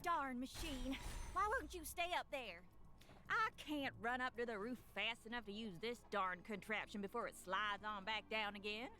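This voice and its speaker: A woman's voice: a little high, normal speed. A woman voicing a folksy, grumbling Old West townsperson in a video game. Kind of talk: video game western dialogue. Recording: loud music over the voice. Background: loud game music.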